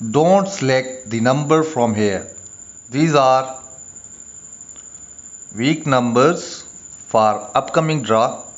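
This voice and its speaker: A man presents an instructional video of lottery tips, speaking deliberately in short phrases separated by pauses. His voice is mid-range, and the audio is dull.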